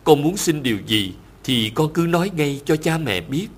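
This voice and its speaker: A man voicing a grieving king who is a loving father, read in a measured, solemn way. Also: fairly high pitch, lively intonation, voice pushed up. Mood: sorrowful tender.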